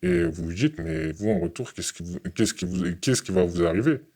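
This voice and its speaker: A young man from France giving an earnest, halting interview testimony, often repeating his words. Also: mid-range voice, big pitch swings, gravelly, darkish tone.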